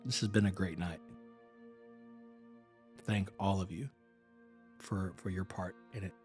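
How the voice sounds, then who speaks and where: Low and steady, this man's slightly mellow voice takes an unhurried pace against soft background music. As an acting and performance coach, he's having a casual live-stream chat with viewers. He sounds weary, his voice thinning, and he rambles earnestly, often restarting what he says.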